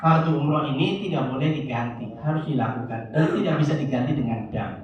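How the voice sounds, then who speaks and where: A man teaching pilgrims before their trip, lively and jokey, often calling out to the listeners. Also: mid-range voice, fast talker, a little hiss or hum. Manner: lively, jokey, addresses audience as Pak and Bu. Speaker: umrah guide instructor. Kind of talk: religious briefing lecture. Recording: echoey hall, distant muffled recording.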